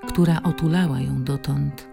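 A woman narrating an audiobook in a measured, calm reading. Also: sits low, vocal fry, faint music behind. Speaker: audiobook reader.

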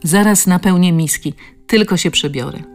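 A woman reading Basia, a soft-spoken village woman. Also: lowish voice, normal speed, soft background music, natural voice. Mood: tender. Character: village woman Basia, anxious, tender with animals.

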